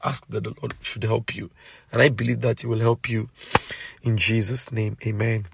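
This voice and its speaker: A man preaching a podcast sermon, earnest and exhorting, slowing down to press key points. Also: lowish voice, level tone, gravelly, noisy background. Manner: earnest, exhorting, slows for emphasis.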